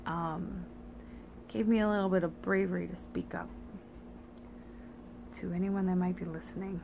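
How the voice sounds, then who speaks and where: A tired, sleepy woman gives a halting, meandering confessional monologue, slightly slurred because she has a retainer in her mouth. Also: fairly low pitch, fairly even intonation, vocal fry, noisy background. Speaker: vlogger.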